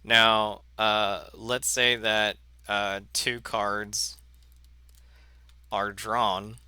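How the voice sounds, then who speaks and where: A man teaching a math lesson in a slow, halting way, full of fillers and self-corrections. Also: fairly low pitch, level tone, pushed and bright, clean tone, no room sound. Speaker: math instructor. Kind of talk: recorded lecture.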